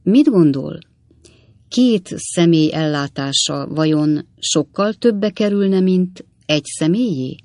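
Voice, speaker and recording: An earnest, kindly old gentleman lodger from a storybook reading, as the reader puts him on. He talks with a gravelly edge in a dry, close sound. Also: medium pitch, lively intonation, dry recording, close to an everyday voice.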